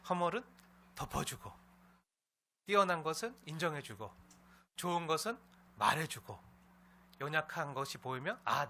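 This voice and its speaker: Male pastor, sermon delivery, bright ringing tone, pitched a bit high, affirming "ne" fillers, faint hiss behind. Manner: warm storytelling with frequent "ne" fillers and scolding imitations. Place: church sanctuary with congregation.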